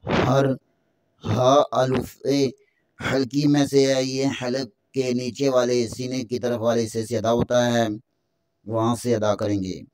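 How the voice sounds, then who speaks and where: A man teaches Quran recitation, breaking each verse into its letters before chanting it in a slow, drawn-out way. His voice is smooth and clear, held at a flat, steady pitch. The recording is dry and close. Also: no room sound. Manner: slow drawn-out recitation between brisk explanations.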